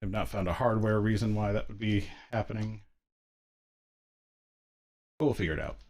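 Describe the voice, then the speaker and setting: Low-voiced male caster with echoey reverb. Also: moderate pace, a little mellow. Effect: echoey reverb on his mic. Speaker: esports caster. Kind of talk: play-by-play commentary.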